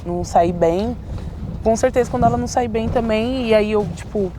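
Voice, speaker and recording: A woman's voice: a little high, moderate pace, mellow, a little hiss or hum. A young woman with a São Paulo Brazilian accent, talking casually with slang and lots of fillers. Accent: Brazilian Portuguese, São Paulo. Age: young adult. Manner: slangy, hesitant, many fillers. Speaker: interviewee. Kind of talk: casual chat.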